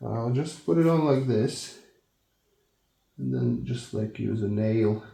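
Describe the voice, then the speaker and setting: A man talking casually through a do-it-yourself car job. He is hesitant and self-deprecating and thinks aloud as he goes. The audio is a low-quality phone recording made without a microphone. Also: expressive, takes it slowly, gravelly, mellow. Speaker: car vlogger. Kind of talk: casual DIY walkthrough. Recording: echoey, noisy phone recording.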